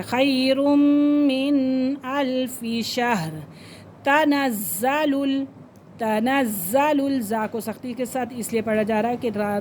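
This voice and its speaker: A woman teaching Quran recitation with tajweed, with an Urdu accent, chanting verses slowly and stretched out, then explaining the rules in quicker, lower speech. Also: warm tone, slight background noise.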